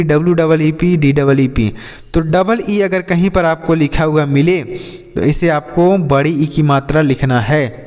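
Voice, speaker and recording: A man's voice: fairly high pitch, big-room sound. A man teaching English pronunciation in a Hindi lesson, asking questions and answering them himself.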